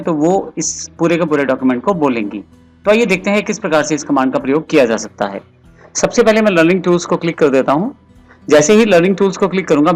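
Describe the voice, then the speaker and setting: A man narrates a screen-recorded software tutorial, explaining each step directly to the viewer. His voice sits a little high for a man. Faint music plays behind the desktop-mic voice-over.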